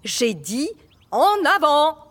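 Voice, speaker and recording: A woman voicing a bossy, hot-tempered king who shouts commands in a storybook reading. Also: high-pitched, sing-song, a little slow, soft background music, pitched above the performer's own voice, full character voice. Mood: bellowing. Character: hot-tempered bossy old king, loud, easily exasperated.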